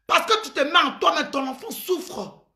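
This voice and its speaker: A high-pitched, bright-toned woman speaks emphatically, preaching advice at her listeners. She sounds middle-aged and forceful in delivery. The recording sits in an echoey room. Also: very animated, moderate pace. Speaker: commentator giving advice. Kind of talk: impassioned advice monologue.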